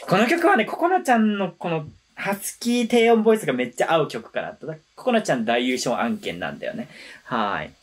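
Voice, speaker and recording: A woman hosting a reaction video, chatting casually and explaining song lyrics in an animated, talkative way. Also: low voice, brisk, a little hiss or hum. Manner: chatty, animated, switches between explanation and excited comments.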